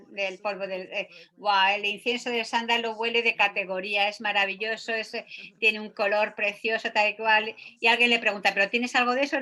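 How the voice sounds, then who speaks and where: A woman teaches a Buddhist sutra in a bright, clear voice. She reads passages aloud and explains them, hesitating often with filler sounds between phrases. Her pitch sits in the middle of the usual range for a woman.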